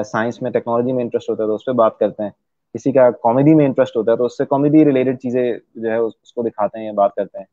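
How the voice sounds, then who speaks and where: Over a dry, tinny, phone-like line with no echo, a medium-pitched young man talks casually as an interview guest. He's an English teacher walking patiently through his course, pausing often with "uh" and other fillers.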